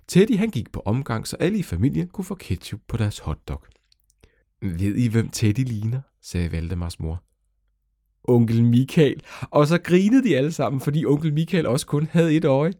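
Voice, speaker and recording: Male storyteller, lower voice, very animated delivery for a kids' tale. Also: gravelly, dry recording, clean studio sound. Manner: lively, animated storytelling with sudden pitch jumps. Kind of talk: children's story narration.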